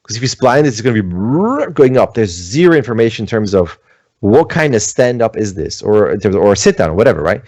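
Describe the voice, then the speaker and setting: A man's voice: fairly low pitch, sing-song, fairly quick, darkish tone, dry recording. A middle-aged man from Switzerland, an animator chatting casually at home on a livestream and answering questions, rambling with many fillers. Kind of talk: livestream talk and Q&A.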